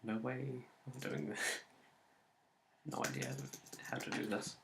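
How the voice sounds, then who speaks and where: A man's voice: on the low side, sing-song, unhurried, vocal fry, roomy sound, background noise. A man commentating casually on a game he is playing, muttering and swearing at his failed attempts. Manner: muttering, swearing at failures, rambling. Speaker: let's play host.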